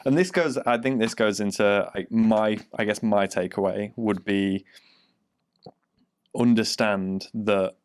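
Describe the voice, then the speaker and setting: A man's voice: lowish voice, takes it slowly, smooth. A man, a fitness coach, co-hosting a casual podcast and talking bluntly, swearing freely.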